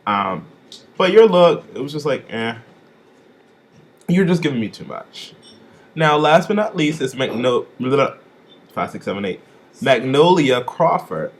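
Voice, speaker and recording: A young man from Chicago giving a casual, sassy vlog review, with swooping, expressive emphasis on his catchphrases. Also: medium pitch, a little slow, pauses often. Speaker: vlogger reviewing drag contestants.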